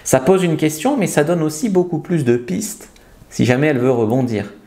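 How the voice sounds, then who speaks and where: A man giving dating advice straight to camera, with a lively voice that swings up and down in pitch. He is blunt and emphatic, and sometimes acts out nervous or confident pickup lines. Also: moderate pace. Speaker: seduction coach. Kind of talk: direct-to-camera advice video.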